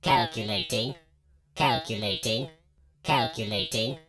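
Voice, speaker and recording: A man's voice: medium pitch, expressive, measured pace, close to an everyday voice. A man voicing a cold, menacing game computer in an anime parody, announcing mechanically. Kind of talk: parody anime dub acting. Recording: loud music under the voice.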